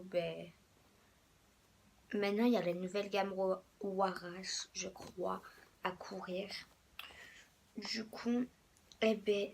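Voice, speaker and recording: Young female vlogger, hoarse from a cold, loose rambling delivery with frequent whispered asides, light noise floor. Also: medium pitch, a little mellow. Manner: rambling, many fillers, drops to whispers. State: hoarse, a bit sick. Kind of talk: casual sneaker show-and-tell.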